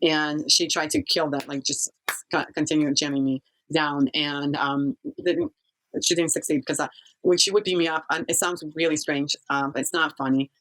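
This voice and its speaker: A woman from Kazakhstan, a guest in an interview, telling her story haltingly with many pauses and fillers. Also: deep voice, fairly even intonation, fairly bright tone, poor audio. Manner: halting, searching for words, frequent fillers. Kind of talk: personal testimony in an interview.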